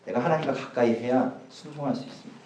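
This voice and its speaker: A man preaching a casual sermon to a youth group, chatty and joking, swinging between loud and soft. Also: medium pitch, fast. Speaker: youth pastor. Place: church hall. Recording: echoey church hall, from a distance.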